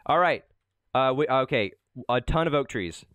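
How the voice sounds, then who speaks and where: This young adult man hosts a gaming channel, rambling casually while playing with friends and laughing often. His medium-pitched voice is animated, a bit bright, clear, and resonant, at a moderate pace.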